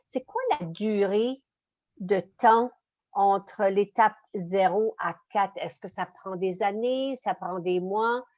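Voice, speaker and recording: A woman's voice: mid-range voice, takes it slowly, darkish tone, dry recording. A woman asking questions informally, tentative and courteous, on muffled call-like audio.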